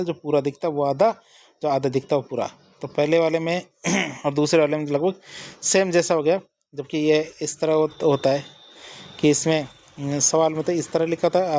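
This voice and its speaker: A man's voice: fairly high pitch, darkish tone. A man teaching a spelling lesson for exam students, asking each question and answering it himself. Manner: drills with repeated question-and-answer. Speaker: Hindi exam tutor.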